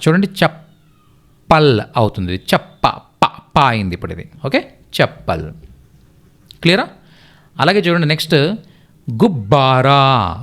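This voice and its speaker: Male hindi teacher, mid-pitched voice, slow repeated words, calm classroom explaining. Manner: repetitive, patient, drops voice on closing phrases. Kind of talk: explaining lesson.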